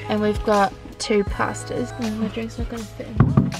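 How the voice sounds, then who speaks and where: A young New Zealander vlogs casually while out in the city and in a car, bubbly and giggly, camera held at arm's length. Her medium-pitched voice moves little in pitch at a moderate pace, and music plays beneath it.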